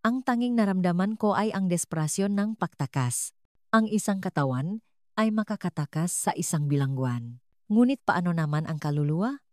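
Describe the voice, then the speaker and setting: A woman narrating a dramatic first-person story in an earnest, measured manner. Her voice sits low, and the recording is dry with no room sound. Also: darkish tone, dry recording.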